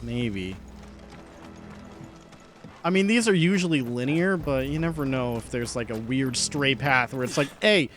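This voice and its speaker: A man's voice: mid-range voice, expressive, unhurried, pauses often. A man streaming a video game, chatting casually and poking fun at himself when he stumbles over his words. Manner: chatty, self-deprecating, trips over words. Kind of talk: casual gameplay commentary. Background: game music.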